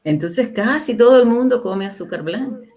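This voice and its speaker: A woman's voice: a little high, animated, normal speed, darkish tone. An older woman in her sixties talks at length as a guest on a livestream interview. She keeps up a casual, opinionated flow and presses her points home by firing rhetorical questions at her listeners. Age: 60s. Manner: emphatic, asks the audience rhetorical questions.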